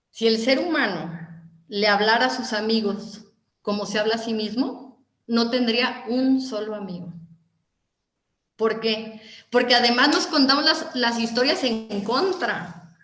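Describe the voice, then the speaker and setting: A woman with a Mexican Spanish accent giving a motivational talk, animated and asking her listeners question after question. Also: on the high side, a little slow, echoey room. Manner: animated, asks the audience many questions. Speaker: motivational speaker.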